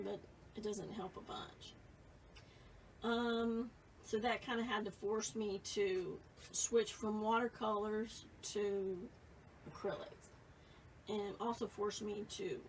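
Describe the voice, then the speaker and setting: A woman in her late fifties, a painting instructor, gives a casual, chatty live painting tutorial, reading viewer comments as she works. Her voice is medium-pitched and sits far from the mic, with slight background noise and a rough recording quality.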